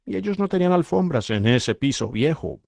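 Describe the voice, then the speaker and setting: A man's voice: on the high side, sing-song, a little fast, gravelly, darkish tone. A man giving the voice-over of a sermon, telling a story and turning to the congregation with frequent asides. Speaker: voice-over for a preacher.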